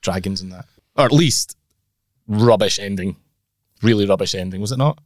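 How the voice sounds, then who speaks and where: A man's voice: lowish voice, normal speed, no room sound, studio quality. A Scottish man hosting a casual golf podcast, with a nasal voice from a blocked nose. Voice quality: nasal, congested. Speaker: podcast host.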